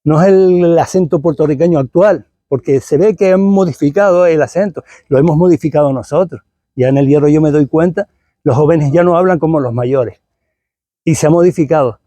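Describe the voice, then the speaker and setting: A man's voice: fairly high pitch, fairly quick, mellow, dry recording. A man in his sixties with a Canarian Spanish accent, giving a rambling, conversational talk at a tribute event. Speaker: invited speaker at a tribute event. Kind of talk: public talk.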